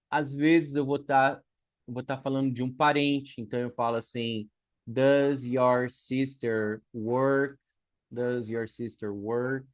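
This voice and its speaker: A man teaching English to beginners in an online class, patiently spelling out example sentences. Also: medium pitch. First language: Portuguese.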